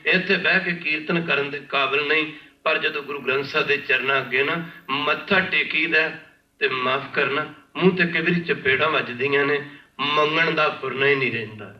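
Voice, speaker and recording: A man from India preaching a sermon with storytelling, impassioned and repeating his phrases, often pausing to beg the congregation's pardon. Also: a little high. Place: large worship hall. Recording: echoey hall, distant mic, dull lo-fi.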